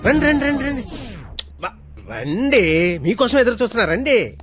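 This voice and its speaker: A man's voice: very high voice, very animated, normal speed, music in the background. An actor playing a sly, mocking older man in film dialogue.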